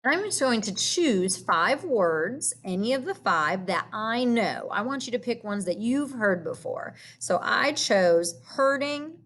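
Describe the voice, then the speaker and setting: Slow, patient woman teacher explaining a lesson. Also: a little high. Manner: patient and explanatory, with soft filler hums. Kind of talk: recorded classroom lesson walkthrough.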